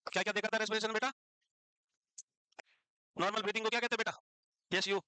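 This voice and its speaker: A man's voice: high-pitched, steady tone, fast talker, pushed and bright, clean tone, no room sound, low-quality recording. A male teacher, lecturing a class and teasing and scolding students as he quizzes them.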